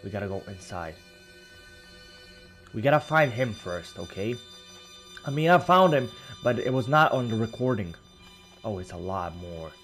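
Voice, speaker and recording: Excitable swearing gaming man. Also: lowish voice, normal speed, pauses often, faint music behind. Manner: excitable, swearing, sudden shouts. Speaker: gaming channel host. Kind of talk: let's play commentary.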